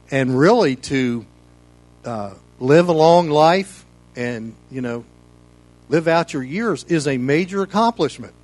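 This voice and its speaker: Through poor audio comes a fairly high male voice: an American pastor, middle-aged or older, leading a Bible study. He preaches informally and loosely, chatting his way along and leaning constantly on "you know."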